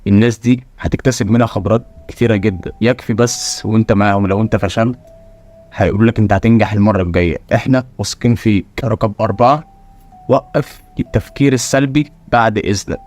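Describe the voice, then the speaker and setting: Fast, blunt Egyptian motivational speaker. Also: male voice, fairly low pitch, darkish tone. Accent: Egyptian Arabic. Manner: blunt, preachy, fires rhetorical questions at the listener. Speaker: motivational channel host. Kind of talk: motivational talk to the viewer.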